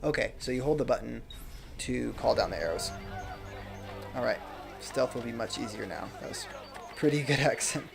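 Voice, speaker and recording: A young adult man reads viewer comments aloud and chats casually while streaming a game from his home room, speaking softly and self-deprecatingly into a desk microphone. His mid-range, gravelly voice moves at normal speed with frequent pauses, and game music plays in the background.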